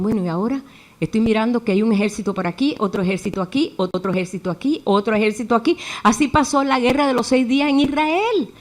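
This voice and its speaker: Woman preacher, animated sermon delivery, voice on the higher side. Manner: lively, acts out quoted voices, chuckles while preaching.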